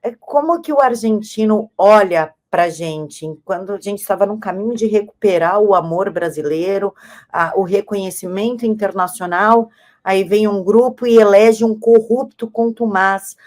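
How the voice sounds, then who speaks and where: A woman's voice: medium pitch, normal speed, darkish tone. Emphatic woman interviewer. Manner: emphatic, opinionated questioning. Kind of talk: interview questions.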